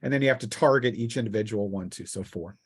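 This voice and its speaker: Fairly low-pitched and fast, with a breathy edge, this man serves as game master for a tabletop role-playing game. He's at home on an online group call, informally narrating battles and explaining rules into a close microphone.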